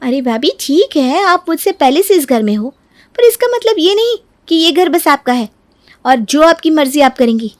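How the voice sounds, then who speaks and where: A woman voicing a sharp-tongued young daughter-in-law who argues defiantly in a family storybook quarrel. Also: high-pitched, sing-song, normal speed, pitched above the performer's own voice. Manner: defiant, argumentative. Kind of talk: storybook character acting.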